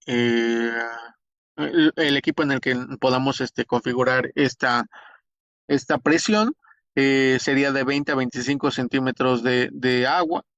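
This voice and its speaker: A male instructor with a Mexican Spanish accent delivers a spoken lecture, explaining things step by step with frequent hesitations and restarts. His voice is mid-range and a bit bright. The recording is dull, dry and lo-fi.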